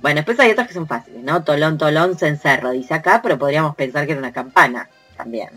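A playful woman with a Rioplatense accent chats on a podcast. Her voice sits low, yet her intonation swoops widely. Faint music plays behind her. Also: lively intonation, quick pace, a bit bright, slightly rough. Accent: Rioplatense Spanish. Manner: playful, laughs often, sounds out onomatopoeia. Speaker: podcast host. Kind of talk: casual podcast chat.

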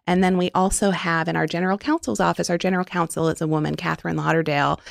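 A woman's voice: lowish voice, steady tone, quick pace, gravelly, no room sound, clean studio sound. A woman answering interview questions in an earnest, enthusiastic way with frequent fillers. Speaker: interview guest.

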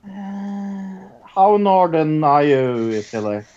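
Slow, lively Norwegian-born woman. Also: on the low side, lo-fi sound. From Norway. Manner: laughs easily, unhurried and chatty. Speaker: quiz host reading accent clues. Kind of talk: casual guessing game among friends.

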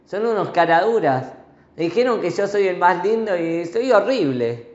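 A man's voice: high voice, animated, normal speed, darkish tone, voice pushed up. A man voicing an angry, vain, ugly king in a story within his sermon. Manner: indignant, scolding outbursts. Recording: roomy, slightly dull recording.

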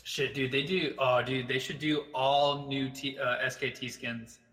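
A young man co-hosting a casual esports podcast, excitable and teasing, swearing freely. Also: medium pitch. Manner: excitable, quick to swear and tease. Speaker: podcast co-host and editor.

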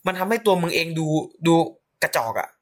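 A young man hosting a laid-back podcast with his friends. He speaks in a fairly high voice, blunt and full of crude slang as he hands out frank advice. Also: lively intonation, a little fast. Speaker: podcast host. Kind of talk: casual podcast chat among friends.

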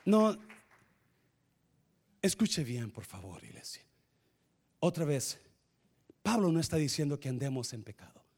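A man preaching a sermon as pastor, swinging from quiet asides to shouted preaching and slipping in English words. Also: medium pitch, breathy edge. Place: church.

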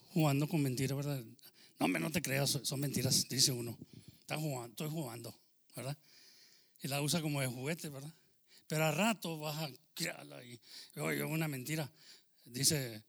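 A man preaching a sermon, shifting between loud proclaiming and quiet, confiding testimony. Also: on the high side. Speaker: pastor.

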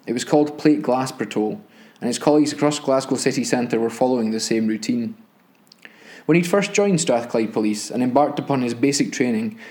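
A man, a podcast host, reading a crime novel aloud in steady, measured audiobook-style narration. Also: medium pitch.

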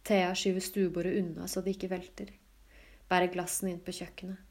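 A woman reads literary fiction aloud as an audiobook narrator, her delivery calm, even and low-key.

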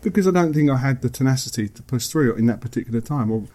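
A man from Essex with an Essex accent, chatting casually and self-deprecatingly as a podcast guest, telling stories in an animated way. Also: medium pitch, fast talker. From Essex, England.

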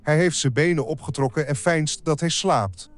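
A man giving calm, descriptive scripted narration for an audio drama. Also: on the high side, moderate pace.

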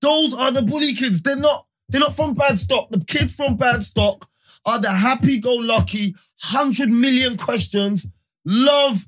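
A man's voice: extremely high pitch, a little slow, fairly bright tone. A man talking casually and emphatically on a group podcast, repeating words for emphasis. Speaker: podcast co-host.

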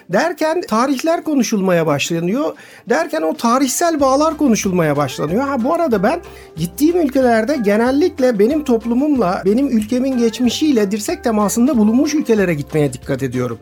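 Lively Turkish storyteller woman, high voice. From Istanbul, Turkey. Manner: lively anecdotal storytelling, addressing listeners directly. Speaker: touring cyclist, radio guest. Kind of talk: storytelling in a radio interview.

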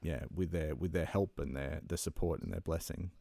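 A young man with an Australian accent and a very low voice talks loosely as a guest, circling back on his words and laughing at himself. The sound is close and dry, with no room in it. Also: moderate pace, gravelly, dark tone, dry recording. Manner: rambling, self-deprecating, laughs often. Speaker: podcast guest, church leader. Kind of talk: casual conversational interview.

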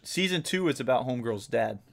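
A man's voice: mid-range voice, animated, fairly quick, creaky. A man co-hosting a podcast in casual chat, easygoing and swearing casually. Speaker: podcast co-host.

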